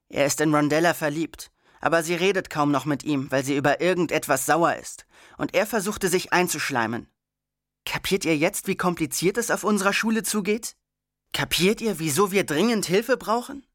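An audiobook reader tells the story in a schoolboy's first person, wry and conversational. The voice sits at a middle pitch. The recording is dry and close, with no room echo.

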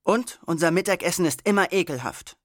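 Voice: medium pitch, lively intonation, fairly quick, no room sound, studio quality. An audiobook reader narrating in a schoolboy's first person with a wry, conversational storytelling manner.

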